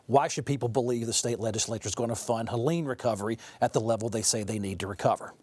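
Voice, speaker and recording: A man's voice: medium pitch, quick pace, darkish tone, slightly rough, no room sound. A man hosting a studio political panel, direct, posing pointed questions to guests. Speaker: host.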